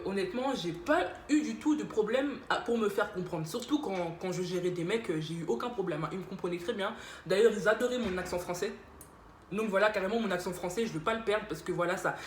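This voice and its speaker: A woman's voice: mid-range voice, a little hiss or hum. A young woman answering viewer questions in a chatty, playful, self-mocking way. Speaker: YouTuber. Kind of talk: casual Q&A vlog. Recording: echoey room with faint ambience.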